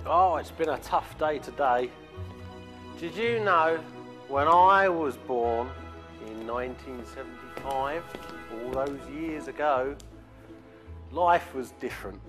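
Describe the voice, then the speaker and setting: A cheeky chatty prisoner. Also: male voice, medium pitch, expressive, slow pace, pauses often, fairly bright tone, faint music behind. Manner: cheeky, rambling, calls the guard Gov. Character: chatty male prisoner, former car thief. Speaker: actor in a lesson sketch. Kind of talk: comic scripted sketch.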